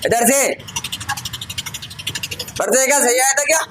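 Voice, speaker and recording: High-voiced male teacher in a classroom. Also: unhurried, background noise. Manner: addresses students as "bhai" and "beta", asks frequent check questions. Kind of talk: classroom grammar lesson.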